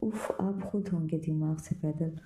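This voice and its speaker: A woman voicing a feisty, quick-tempered young woman who scolds sharply, read from a storybook novel. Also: low-pitched, mellow. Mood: angry. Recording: roomy echo.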